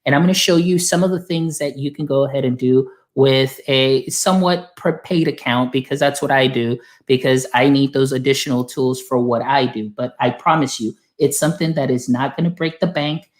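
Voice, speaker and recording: Friendly man explaining a software demo. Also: mid-range voice, steady tone, moderate pace, few pauses. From Texas. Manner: friendly, explanatory, filler-heavy. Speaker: guest, instructional software specialist.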